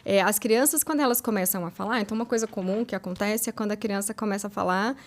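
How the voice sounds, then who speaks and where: A woman's voice: medium pitch, fast talker. A woman in her thirties with a Brazilian Portuguese accent, co-hosting a parenting podcast, explaining with examples and acting out little quotes. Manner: explanatory, many tag questions, acts out parent and child quotes. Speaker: co-host, neuroscience parenting podcast. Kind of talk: casual expert chat.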